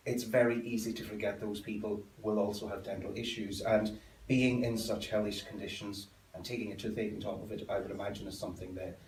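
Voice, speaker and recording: A man with a lowish voice hosts a sofa interview, asking earnest, measured questions. He sits back from the mic in a bare, echoey room. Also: flat delivery, darkish tone, far from the mic, slight background noise. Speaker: host.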